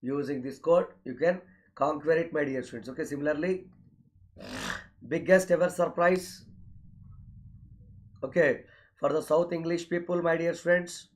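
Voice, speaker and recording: A man's voice: a little high, fairly even intonation, normal speed, pauses often. A man with a South Indian accent speaking as an online coaching teacher, announcing courses and schedules and repeatedly addressing his students. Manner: repetitive, often addresses students directly with filler okays.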